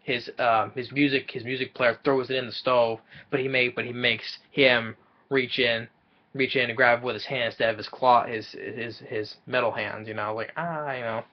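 A man's voice: mid-range voice, steady tone, moderate pace, lo-fi sound. A young man casually recapping a film's plot from a small room, often stumbling and repeating words as he goes. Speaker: movie reviewer.

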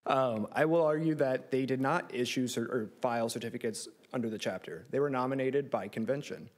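A man's voice: mid-range voice, a little fast. A man in his thirties delivering a formal legal argument at a courtroom lectern. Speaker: lawyer arguing an appeal. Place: large courtroom. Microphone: lectern microphone.

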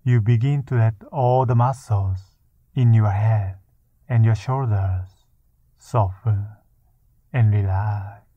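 A man with a fairly low, soft and hushed voice guides a meditation. He speaks very slowly and soothingly, with long pauses between phrases. The recording is close and dry but narrow and muffled, like a phone line. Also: dry recording. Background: music.

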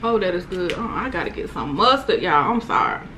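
A woman's voice: fairly low pitch, animated, brisk, a bit bright, a little hiss or hum. A woman vlogging an eating show, talking to viewers with her mouth full. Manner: chatty, addresses viewers as y'all. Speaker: mukbang vlogger. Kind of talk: casual eating-show chat. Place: outdoors in sunlight.

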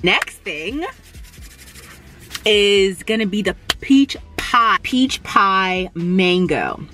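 A young woman from Canada reviewing fast food in a casual mukbang while she eats in a parked car, humming appreciatively between bites. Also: medium pitch, lively intonation, pushed and bright, soft background music. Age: young adult. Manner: chatty, eating between remarks, lots of appreciative hums. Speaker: food vlogger. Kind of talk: casual mukbang tasting chat. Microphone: camera on the dashboard.

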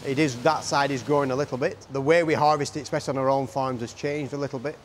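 A man who owns a farm contracting business, answering interview questions outdoors in a farm yard in a steady, agreeable way and often repeating his words. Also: medium pitch, quick pace, a little hiss or hum.

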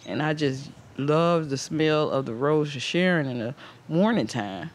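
On an outdoor tour of his garden, the host of a home gardening channel chats in a casual, rambling way, his fairly high voice unhurried. Sound comes from the handheld camera's mic, with outdoor ambient noise audible.

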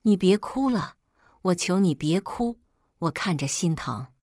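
A woman's voice: on the low side, lively intonation, a little slow, a little mellow, dry recording, studio quality. A woman reading an audiobook, voicing a husband who pleads in a soothing way. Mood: pleading. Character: man, tense husband pleading gently.

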